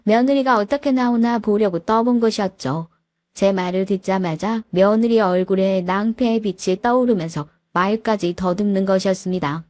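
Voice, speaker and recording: A woman telling a scripted first-person family story in an even, confiding way. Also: mid-range voice, moderate pace, no echo, clean studio sound. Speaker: narrator.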